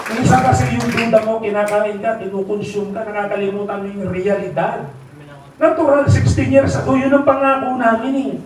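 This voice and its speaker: A man's voice: high voice, fairly quick. A middle-aged man with a Filipino accent giving a motivational seminar talk, asking the crowd rhetorical questions and acting out quoted voices. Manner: rhetorical, keeps asking the audience "di ba?" and "tama?". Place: large hall, live seminar. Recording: very echoey hall, distant mic, faint noise.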